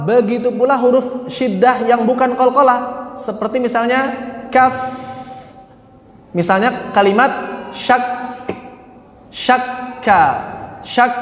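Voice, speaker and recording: A man teaching Quran recitation rules, chanting examples slowly and correcting with short remarks. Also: very high voice. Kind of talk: tajwid lesson with recited examples. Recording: echoey room with long reverb.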